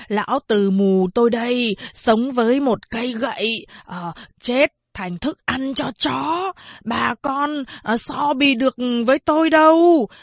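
Woman doing a slow, wailing blind old man. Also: a little high, dry recording, pitched above the performer's own voice. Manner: slow drawn-out speech with hesitant fillers.

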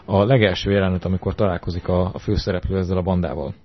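Dry low-voiced radio co-host. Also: male voice, fairly even intonation. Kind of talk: casual chat. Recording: compressed lo-fi radio archive.

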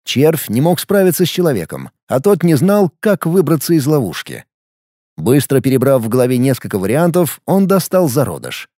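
A man narrating a fantasy novel as an audiobook, reading in a lively way with acted dialogue. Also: mid-range voice, dry recording, studio quality.

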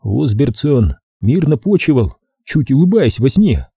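A male audiobook narrator telling the story in measured first person. His voice is very dark and husky, with animated pitch movement. The recording is close and completely dry. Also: no echo. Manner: measured storytelling, lively intonation. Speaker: audiobook reader. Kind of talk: scripted narration.

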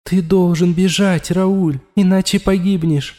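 A man performs a pleading, ominous voice inside the hero's skull for an audiobook. It sits a little high yet sounds mellow and dark. A long reverb tail hangs on every word. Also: fairly even intonation, a little slow, soft background music. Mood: urgent. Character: insistent alien voice inside a man's head.

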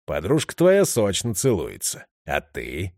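A man's voice: low-pitched, huge pitch swings, unhurried, creaky, a little mellow, dry recording, clean studio sound, pitched below the performer's own voice, heavily acted. A man voicing a crude, aggressive heavyset man with a coarse, leering manner. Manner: growling, aggressive. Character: crude menacing heavyset man, middle-aged.

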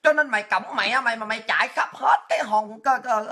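Southern vietnamese woman ranting online, angry and cursing a lot, husky bright voice. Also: on the high side, quick pace. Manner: angry, profane, repetitive rant. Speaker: political commentator.

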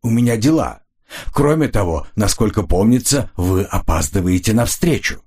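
A man's voice: lowish voice, expressive, normal speed, a little mellow. A man voicing a sullen, curt former agent who answers defensively in an audiobook.

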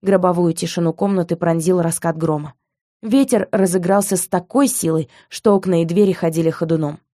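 Woman audiobook narrator, low and mellow voice, dry close sound. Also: a little fast, no echo. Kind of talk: first-person scripted narration.

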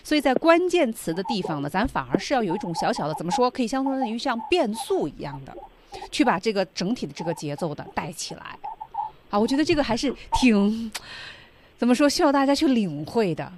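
A woman recaps a lesson for listeners in an engaged, conversational way. Her pitch moves a lot as she talks. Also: very animated, a little fast, background noise. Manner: attentive, backchannels and sums up. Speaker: radio co-host. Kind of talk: radio language lesson.

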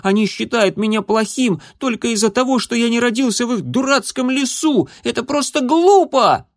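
A man voicing a proud, hot-tempered young kitten in a high, childlike voice for an audiobook. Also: animated, slow pace, dry recording, studio quality. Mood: angry. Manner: high squeaky childlike shouting. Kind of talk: audiobook character voice.

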